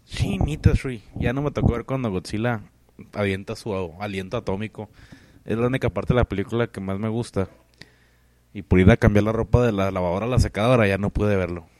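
A man's voice: fairly low pitch, a little fast, darkish tone. A man co-hosting a podcast in casual chat, joking and teasing his co-host.

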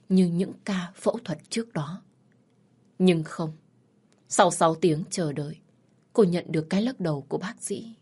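Husky woman narrating a sad story. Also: lowish voice, a little mellow. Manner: somber, emotional storytelling.

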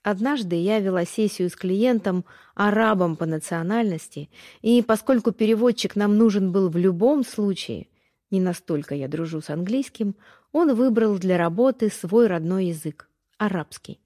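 A woman coach reads her own guidance text in a calm, gentle way. Her voice is mellow and warm, and she walks listeners through practice steps without hurrying. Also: medium pitch. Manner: gentle, unhurried, instructive. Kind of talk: calm scripted narration with exercises.

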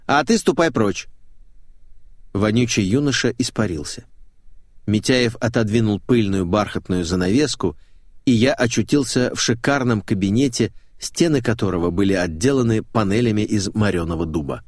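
A man narrating an audiobook in the first person, with a wry, expressive storytelling manner. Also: lowish voice, normal speed, no echo. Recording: dry close studio.

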